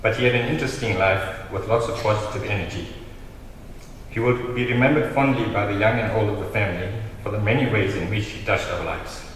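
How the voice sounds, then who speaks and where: A man with a South African accent reading a prepared eulogy in a solemn, measured way, as a member of the family. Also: fairly low pitch, fairly bright tone. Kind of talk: prepared funeral eulogy read aloud. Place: large reverberant hall. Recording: very echoey hall, distant mic, noisy.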